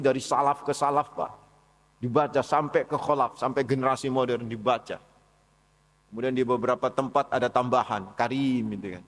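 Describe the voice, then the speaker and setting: Preacher in a reverberant hall. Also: male voice, medium pitch. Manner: conversational, addresses listeners as "Pak" and "saudara" often. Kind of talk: mosque dawn study lecture. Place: large mosque hall.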